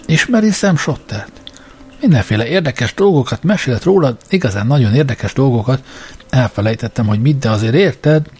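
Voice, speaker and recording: A man voicing a tipsy, good-natured young gentleman who rambles and forgets things, as an audiobook character. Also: mid-range voice, animated, slightly rough, voice pushed up. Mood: puzzled. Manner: effusive, forgetful, blustering.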